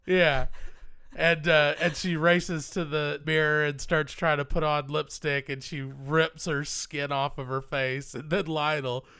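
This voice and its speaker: A man's voice: fairly high pitch, level tone, unhurried, pushed and bright, smooth, no echo. A man co-hosting a podcast, recapping a film's plot in a casual chat with wry, dry humor. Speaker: podcast co-host. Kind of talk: casual film discussion.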